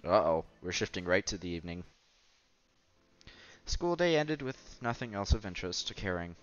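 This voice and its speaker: A man's voice: deep voice, sing-song, moderate pace. A man reading a visual novel aloud, narrating and adding wry comments of his own. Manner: wry asides between narration. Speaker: let's play narrator. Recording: slightly dull with music behind.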